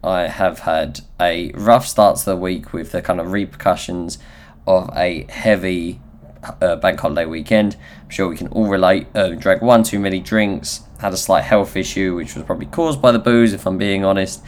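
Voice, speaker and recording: Low-pitched nasal Essex man. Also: normal speed, a little hiss or hum. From Essex, England. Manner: candid, self-deprecating, sweary. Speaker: podcast host. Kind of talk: solo motivational podcast talk, informal.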